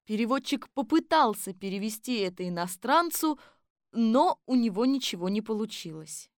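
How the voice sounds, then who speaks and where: A woman narrating a children's story audiobook in an even storytelling manner. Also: fairly high pitch, moderate pace, no room sound, studio quality.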